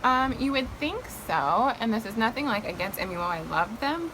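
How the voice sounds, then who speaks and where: An American woman in her twenties hosting a casual, chatty interview in an informal, animated way. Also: on the high side, moderate pace. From United States. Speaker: host, pageant titleholder. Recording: clearly noisy background ambience.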